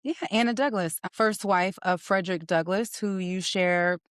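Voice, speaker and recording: A woman's voice: medium pitch, moderate pace, clean tone, no echo, studio quality. A woman in her thirties hosting a podcast, chatting playfully and teasing her guest before telling a story. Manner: playful, teasing, laughs often. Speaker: podcast host. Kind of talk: casual interview chat.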